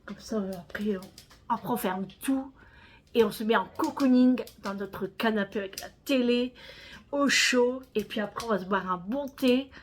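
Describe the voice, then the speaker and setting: A French woman talks to her followers in a relaxed, chatty home vlog. Her voice sits a little high, and she keeps calling her viewers friends as she shows them around. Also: moderate pace, a little hiss or hum. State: out of breath. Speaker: vlogger. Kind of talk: casual vlog chat to viewers.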